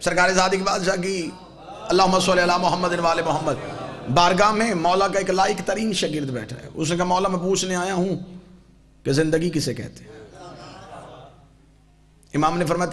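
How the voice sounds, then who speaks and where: A man preaching a sermon to a gathered congregation, telling a story and swinging from soft, low narration to loud, fervent exclaiming. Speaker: Shia cleric preaching a majlis. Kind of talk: Urdu majlis sermon with storytelling. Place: gathering hall with a live congregation. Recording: crowd audible behind the preacher.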